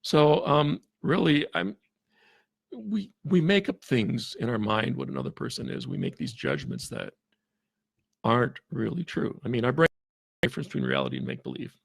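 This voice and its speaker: Gravelly, husky man talking haltingly. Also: medium pitch, big pitch swings, no echo. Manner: halting, many restarts, chuckles often. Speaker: podcast guest, forensic interviewer. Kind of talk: casual interview talk.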